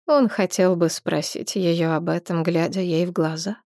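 A woman reading a novel aloud as narrator, measured and expressive. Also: fairly low pitch, no room sound, clean studio sound. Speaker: audiobook narrator. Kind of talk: scripted narration.

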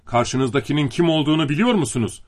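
A man voicing a drunken, pompous middle-aged general who pleads and shouts indignantly in a raised voice. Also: on the high side, expressive, fast talker, voice pushed up. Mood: outraged shouting.

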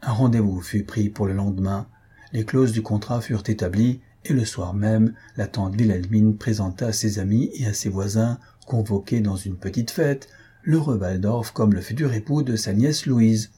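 A man narrating a classic novel in a measured, literary reading style. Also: on the low side, dark tone, husky. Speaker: audiobook narrator. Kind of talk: scripted narration.

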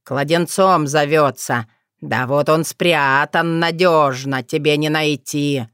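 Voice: mid-range voice, fairly even intonation, takes it slowly, fairly bright tone, smooth, no echo, studio quality. A reader voicing a spiteful, half-mad old male forest spirit who snarls and gloats.

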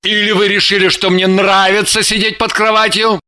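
A woman's voice: mid-range voice, little pitch movement, moderate pace, sharp tone, lightly acted. A woman reading an audiobook voices a sulky, evasive man who grumbles and defends himself plaintively. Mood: grumbling. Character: sulky, self-pitying man, evasive and sly. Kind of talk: audiobook character voice.

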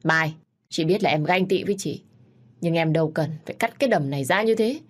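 A woman's voice: low-pitched, expressive, fairly quick. A woman voicing a scheming, two-faced young woman who talks sweetly and shrilly. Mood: accusing.

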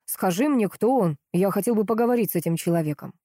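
A woman's voice: medium pitch, lively intonation, quick pace, mellow, no echo, studio quality, natural voice. A woman voicing a strict, protective older brother who fires off demanding questions. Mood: insistent.

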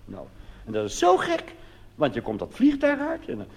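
A cabaret comedian with a Netherlands Dutch accent performs a comic monologue live in a theatre, conversational and packed with colloquial asides. His voice is very high, gravelly and a little mellow, swooping wildly in pitch at a normal speed. The live recording is noisy, with a reverberant hall.

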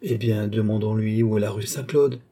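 A man voicing a lively noblewoman of about thirty who gives brisk, commanding orders. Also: fairly low pitch, lightly acted. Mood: flustered. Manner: brisk, imperious questions.

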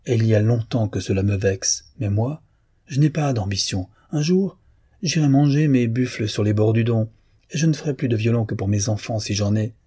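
A man voicing a calm, matter-of-fact young friend in a storybook reading. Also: on the low side, moderate pace, slightly rough. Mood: wry.

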